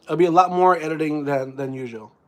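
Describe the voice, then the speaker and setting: A man's voice: a little high, a little fast, a bit bright. Rambling man chatting on a live stream. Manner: rambling, many restarts and fillers. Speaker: theme park vlogger and live streamer. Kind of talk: casual live stream chat.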